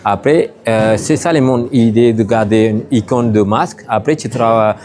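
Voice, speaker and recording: A Sri man speaking in broken, halting French with many hesitations, interviewed as an artist at an exhibition. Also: medium pitch, darkish tone. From Sri Lanka.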